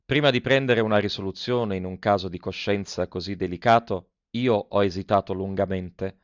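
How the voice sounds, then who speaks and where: A man reading the letter of a cautious old nun in a measured, formal and ceremonious way. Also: lowish voice, dry recording, dull audio, close to an everyday voice. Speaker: audiobook reader.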